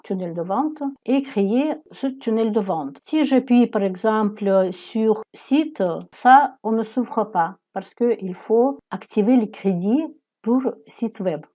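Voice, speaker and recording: Slow, mellow Ukrainian-accented woman. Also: medium pitch. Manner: hesitant, with frequent "euh" fillers and some non-native phrasing. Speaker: business presenter. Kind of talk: screen-share product walkthrough.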